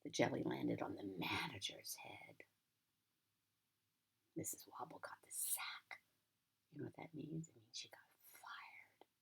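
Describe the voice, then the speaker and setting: A sweet old American lady, a grandmother, reads a picture book aloud to a child in a gentle, breathy, husky near-whisper with chatty asides. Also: a bass voice, expressive, measured pace, pauses often. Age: older.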